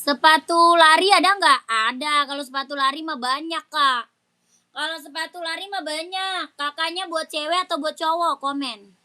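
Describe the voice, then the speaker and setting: Woman live seller, high bright voice, noisy room, often off mic. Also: normal speed. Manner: chatty, urging viewers to comment and check out. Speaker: live-stream shoe seller. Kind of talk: live selling chat.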